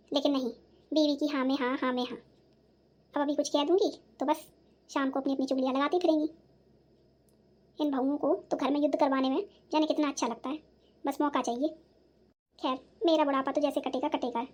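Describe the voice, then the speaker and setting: A woman's voice: high-pitched, darkish tone, highs cut off, lightly acted. A woman voicing a nagging, self-pitying old mother-in-law in a cartoon, scolding sarcastically. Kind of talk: cartoon voice acting.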